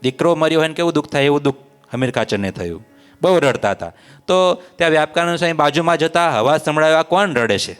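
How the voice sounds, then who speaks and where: A man's voice: a little high, a bit bright, smooth. A man narrating a devotional story as a religious storyteller, repeating phrases in a sing-song way.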